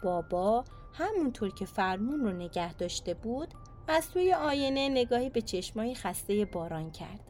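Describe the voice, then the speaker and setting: A woman telling a bedtime story for small children, in a soft, soothing manner with a fairly high voice. Gentle music plays faintly under her narration. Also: big pitch swings.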